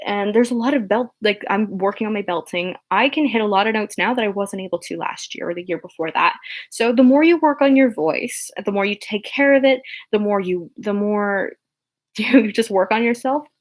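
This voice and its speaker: On a casual, unscripted livestream, a young adult woman with a low speaking voice fields viewer questions. She's earnest and encouraging, though she rambles, using many fillers and restarting often.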